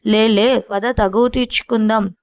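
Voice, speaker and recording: A woman's voice: on the high side, fairly even intonation, a little slow, clean tone, dry recording, dull audio. A woman voicing a small, hot-tempered female bird who scolds and hurries others along in a storybook tale. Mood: urging. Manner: scolding, impatient.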